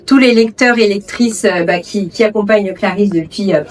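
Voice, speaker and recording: A woman's voice: mid-range voice, moderate pace, soft background music. Woman giving a thank-you speech from afar. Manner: warm, thankful, hesitant. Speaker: publisher speaking at a book event. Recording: distant event recording.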